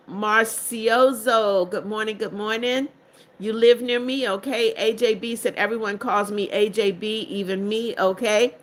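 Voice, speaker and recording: An older woman hosting a livestream reads out chat comments and greets viewers in a firm, strict manner, especially about blocking spammers. Her voice is medium in pitch and a bit bright.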